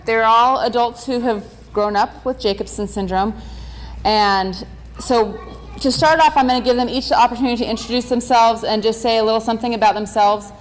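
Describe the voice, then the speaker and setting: A woman's voice: on the high side, a little fast. A woman moderating a conference panel, friendly and organized as she explains things to the audience. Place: conference hall. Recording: echoey hall with background noise.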